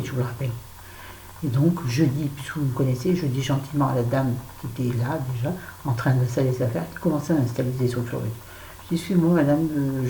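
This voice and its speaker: Low-voiced, blunt French-speaking woman vlogger. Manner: chatty, blunt and self-mocking, with lively asides. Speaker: beauty vlogger. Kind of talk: casual chat to camera. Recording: echoey room with faint background noise.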